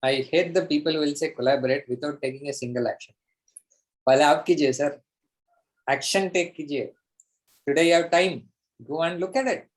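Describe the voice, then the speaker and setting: A man with an Indian accent and a fairly high voice coaches a live online class. He speaks emphatically and pushes his listeners, often repeating a phrase to drive it home. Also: quick pace, pauses often, rough recording. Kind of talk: live interactive teaching, mixing English and Hindi.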